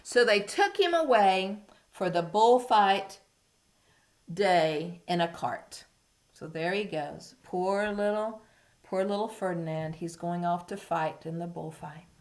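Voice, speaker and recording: A woman's voice: fairly low pitch, takes it slowly. A woman reading a storybook to small children, as to a toddler, expressively, with simple coaxing questions to the listeners. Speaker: teacher reading a picture book to young children.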